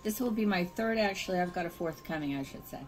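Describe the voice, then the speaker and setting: A woman from California with an American accent chuckles and chats informally while touring a virtual world she built. Her fairly low voice is animated and fast, with soft music playing in the background.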